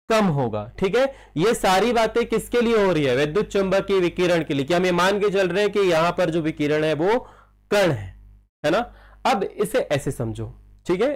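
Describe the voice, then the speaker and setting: Male chemistry teacher, Hindi accent, high voice, classroom lecture style that asks and answers its own questions. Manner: questions students, answers himself; calls listeners child.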